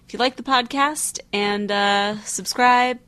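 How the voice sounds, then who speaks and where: A woman co-hosting a cartoon podcast, chatty and quick to laugh. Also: a little high, fairly bright tone. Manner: chatty and laughing, with many likes. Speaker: podcast co-host. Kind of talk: casual chat.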